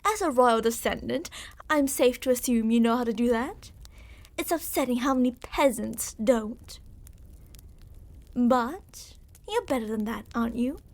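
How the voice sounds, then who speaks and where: In an ASMR roleplay, a woman voices a smug, menacing yandere royal captor, with a fairly high, animated voice at a measured pace. Her delivery is theatrical, condescending and mock-affectionate, and the mood is threatening and condescending.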